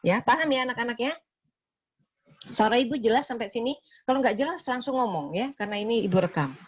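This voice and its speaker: A woman lecturing nursing students in a classroom, explaining calmly and acting out short nurse-patient dialogues. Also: fairly high pitch, fast, breathy edge, muffled recording.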